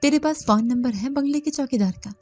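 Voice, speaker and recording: A woman's voice: high-pitched, a little mellow, pitched above the performer's own voice, natural voice. A woman voicing a worried middle-aged husband who scolds and fires off urgent questions in a storybook reading.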